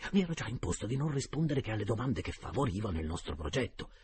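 A man narrating a story aloud with dramatic, animated delivery that slips into whispers. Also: on the low side, quick pace. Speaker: audiobook narrator. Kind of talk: storybook reading with voices.

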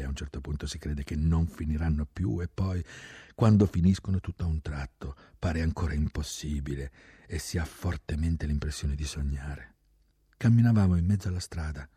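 A man reading a literary war memoir aloud, slow and reflective, dropping to a near whisper at times. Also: low-pitched, mellow, slightly rough, dry recording, clean studio sound. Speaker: narrator.

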